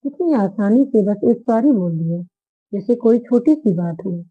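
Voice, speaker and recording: A woman storyteller reading a romance story aloud in a steady, even narration. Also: mid-range voice, measured pace, breathy edge. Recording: phone-like narrow band audio.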